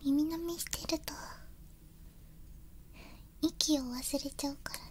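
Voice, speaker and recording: A woman whispering softly and soothingly as an ASMR livestreamer, close to a binaural ear microphone. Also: high voice, steady tone, slight background noise. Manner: soft, gentle whisper, slow and soothing. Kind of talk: whispered ASMR livestream, reading viewer messages. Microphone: binaural ear-shaped mic, ears touched and covered.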